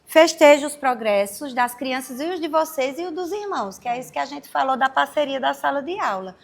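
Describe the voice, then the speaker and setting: High, gravelly-voiced woman educator. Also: expressive, a little fast. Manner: warm, explanatory, acts out little scenes. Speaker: educator speaking to parents. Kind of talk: informal advice talk.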